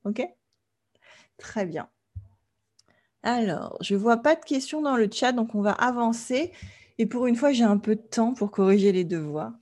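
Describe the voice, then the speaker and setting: A French woman leads an online language class. She explains things patiently and plainly, pausing to make sure her students are following along. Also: on the high side, animated, darkish tone. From France. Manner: clear, patient explaining, often checks with "d'accord?". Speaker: French teacher.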